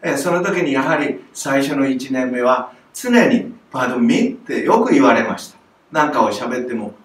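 A man's voice: a little high, distant mic. An older Japanese man, a music teacher, giving a lesson to camera and acting out sounds with strong breath. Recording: roomy echo, voice from off the mic, faint noise.

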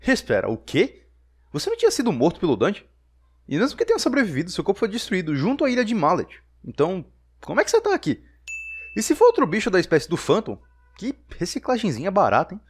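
A man's voice: sits high, huge pitch swings, quick pace, music in the background. A Brazilian man giving sarcastic, exasperated scripted commentary on a video game. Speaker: video game critic and narrator.

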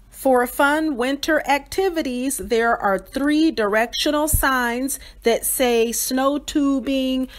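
Cheerful woman narrating a toy review. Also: a little high. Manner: cheerful, enthusiastic, descriptive with fillers. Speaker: doll channel host.

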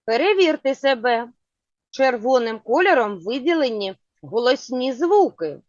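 A woman teaching a children's phonics lesson, asking patient, clearly spoken questions. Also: a little high, sing-song, measured pace, no echo. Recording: dull lo-fi sound.

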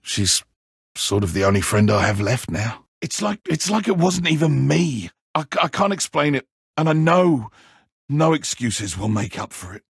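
A man playing a petulant, theatrical video game villain stripped of his godlike powers, with a raspy, strained, melodramatic delivery. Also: mid-range voice, very animated, dry recording, clean studio sound, exaggerated voice. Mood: remorseful, subdued. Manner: melodramatic, drawn-out, emphatic. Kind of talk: dramatic animated game acting.

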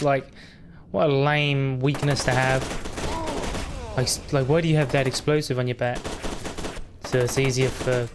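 A man's voice: medium pitch, noisy background. A young man giving cheeky, jokey commentary as a scared horror game streamer, wisecracking through his nerves.

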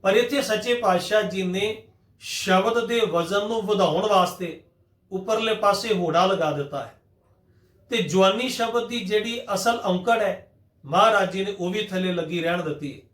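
High-voiced man teaching scripture pronunciation. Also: moderate pace, a bit bright, echoey room. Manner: patient, methodical, addresses the congregation. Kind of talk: religious lesson on scripture pronunciation.

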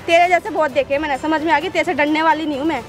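A woman's voice: high-pitched, fairly even intonation, racing, a little hiss or hum. A young woman in a staged social drama, arguing insistently and repeating herself in an outdoor park. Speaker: sister-in-law in a staged park confrontation.

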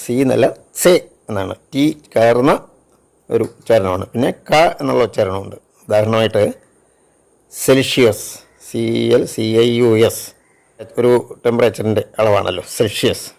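A man's voice: fairly low pitch, normal speed, gravelly, a little mellow. A man with a Malayali accent teaching a language lesson, spelling out words letter by letter. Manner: spells out letters one by one, switching between Malayalam and English. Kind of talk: slow spoken lesson.

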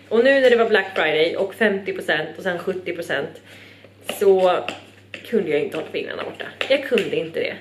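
A woman's voice: medium pitch, echoey room, slight background noise. A young woman from Sweden chatting casually in a vlog at home, bubbly and rambling. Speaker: vlogger.

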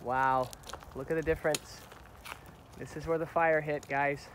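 An American father in his thirties films a family hike on a forest trail with his handheld phone, chatting and narrating casually in a playful, encouraging way. His voice is on the high side, fairly even in intonation, unhurried, and fairly bright. The outdoor phone recording is noisy.

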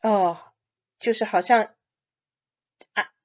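A woman's voice: mid-range voice, takes it slowly. Patient woman teaching English, lo-fi audio. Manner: patient, explanatory, mixing in English words. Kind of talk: explaining a reading lesson. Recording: dull lo-fi audio.

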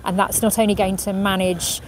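A middle-aged professional sailor answers viewer questions quietly and thoughtfully, with lots of ums, in a mid-range, level voice at a fairly quick pace. She's outdoors on a marina pontoon beside a racing yacht, filmed on a handheld phone at medium distance. Marina ambience and passing vehicles come through clearly.

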